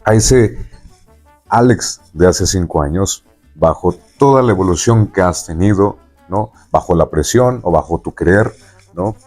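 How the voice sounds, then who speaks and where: A man with a Mexican accent hosts a podcast, interviewing a guest in a conversational way. His voice is low-pitched and darkish, unhurried, and he rambles, often checking in with tag questions. Faint music plays behind him.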